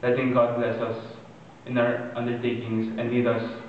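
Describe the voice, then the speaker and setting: A man playing an anxious, lovesick young man in an earnest, declamatory dramatic monologue, speaking in measured phrases. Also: mid-range voice, monotone, slight background noise, lightly acted. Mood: hopeful worry. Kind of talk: dramatic monologue, stage-style recitation. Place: large reverberant room, distant microphone. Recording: muffled tinny echoey hall from far off.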